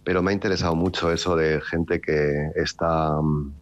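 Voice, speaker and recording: Very deep-voiced wry man. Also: fairly even intonation, normal speed, dull audio. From Basque Country, Spain. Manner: rambling, restarts often, wry and ironic. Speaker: novelist being interviewed. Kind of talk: casual interview talk.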